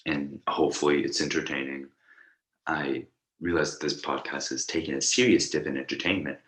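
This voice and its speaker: A man's voice: very deep voice, steady tone, moderate pace, fairly bright tone, low-quality recording. A young man co-hosting a casual podcast chat, rambling through his thoughts with lots of fillers and restarts. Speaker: podcast co-host.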